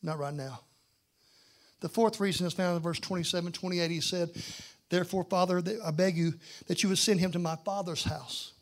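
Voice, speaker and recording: High-voiced man, middle-aged, guest preacher, animated sermon, loud bursts and hushed lines. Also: moderate pace. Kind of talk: sermon with personal storytelling.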